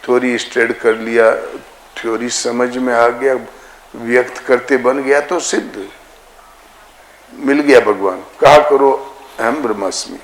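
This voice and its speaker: A man giving a devotional discourse as a spiritual teacher, slow and deliberate, drawing out chanted syllables. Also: medium pitch, steady tone. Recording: echoey room with faint ambient noise.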